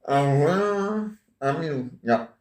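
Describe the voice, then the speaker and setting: A man retelling and acting out a stage comedy in a halting, playful way, full of restarts. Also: on the high side, lively intonation, a little mellow. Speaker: theatre amateur. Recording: roomy sound from a distant mic.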